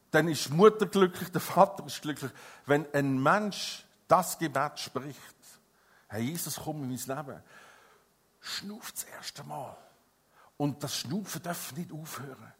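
A middle-aged man preaching a sermon as an evangelist, emphatic, swinging between loud stresses and quiet, intimate passages. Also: a little high, breathy edge.

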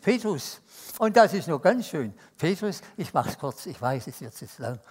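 A Swiss man with a Swiss German accent preaching a sermon, telling stories that swing between loud emphasis and hushed asides. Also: fairly high pitch, very animated, moderate pace, slightly rough. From Switzerland.

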